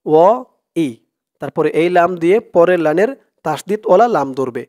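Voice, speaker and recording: Slightly high and expressive, a man's voice guides a slow Quran reading lesson one step at a time. Each word is split into syllables before he chants it in a louder, drawn-out way.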